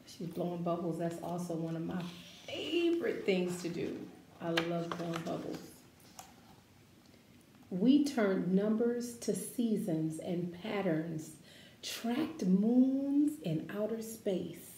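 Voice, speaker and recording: A lowish-voiced woman reads a picture book to young children, pacing herself with care and plenty of expression. She drops in casual comments and questions, and the recording has a roomy echo with some faint noise behind it.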